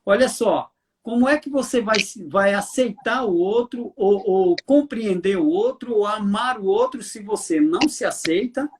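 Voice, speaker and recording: A man with a Brazilian Portuguese accent, an army colonel who trains leaders, answering interview questions in a lively storytelling way, acting out dialogue and laughing. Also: high-pitched, a little slow.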